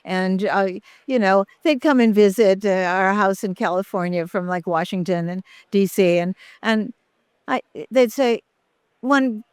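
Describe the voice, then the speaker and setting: An older woman, a guest actress in an interview, reminiscing in a halting way with many fillers and restarts. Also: mid-range voice, clean tone, dry recording, clean studio sound.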